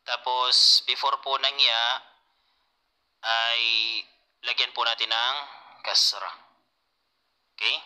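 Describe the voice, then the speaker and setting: Bright-voiced man teaching Arabic. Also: medium pitch, steady tone, slow, long pauses, low-quality recording. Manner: patient, repeats key points, answers students. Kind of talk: online class lecture.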